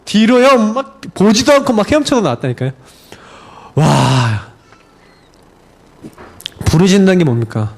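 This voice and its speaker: Middle-aged male pastor, high voice, very expressive delivery, animated sermon storyteller. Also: a little slow, vocal fry, pauses often. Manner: animated storytelling with laughs and acted-out cries.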